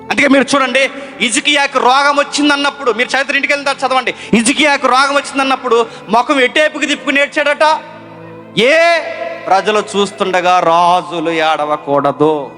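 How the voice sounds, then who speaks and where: Man, preacher, sermon, bright tense tone, dramatic loud-soft swings. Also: steady tone, brisk, soft background music. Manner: dramatic swings between loud high emphasis and low hushed lines. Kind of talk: Telugu sermon.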